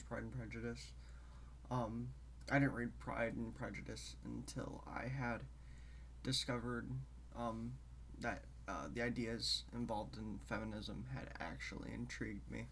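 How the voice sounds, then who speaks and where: A man's voice: mid-range voice, steady tone, a bit bright, slight background noise. A man with a mid-range voice, talking alone to camera in a loose, rambling way. He halts often and wanders from one topic to the next, and he sounds a bit congested. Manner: rambling, halting, drifts between topics. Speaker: show host. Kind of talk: casual solo talk to camera.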